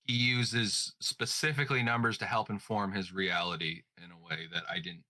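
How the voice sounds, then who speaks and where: A man's voice: on the low side, steady tone, moderate pace, sharp tone, dry recording. A man co-hosting a podcast in a rambling, playful casual chat, full of filler words. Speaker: podcast co-host.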